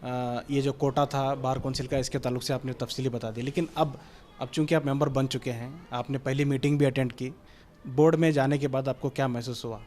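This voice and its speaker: Measured male news interviewer. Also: medium pitch, fairly even intonation, a little mellow, a little hiss or hum. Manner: polite, measured questioning.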